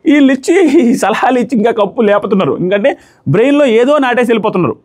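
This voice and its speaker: A man with a high voice talks quickly. He breaks down a reality show in casual commentary, mixing in English phrases as he argues his points. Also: big pitch swings, a little mellow. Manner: rapid, analytical, mixes in English phrases.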